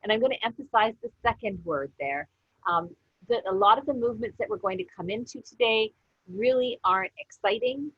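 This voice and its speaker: A woman yoga teacher gently guiding a class through slow breathing and movement. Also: on the high side, expressive, breathy edge, dry recording, dull audio. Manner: gentle, unhurried guidance. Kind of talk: guided yoga class instruction.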